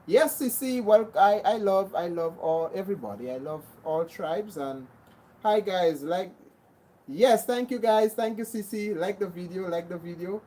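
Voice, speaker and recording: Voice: medium pitch, a little slow, mellow, low-quality recording. A livestream host with a Grenadian accent, chatting casually and greeting and thanking viewers by name, often repeating herself.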